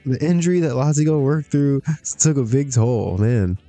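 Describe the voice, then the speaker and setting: A man gives relaxed, rambling commentary while he plays a wrestling booking game, breaking into laughs as he goes. His voice is mellow and warm, recorded dry and close with faint music underneath. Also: mid-range voice, normal speed, no room sound. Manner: chatty, laughs often, talks to himself. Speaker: streamer playing a wrestling management game. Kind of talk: casual gameplay commentary.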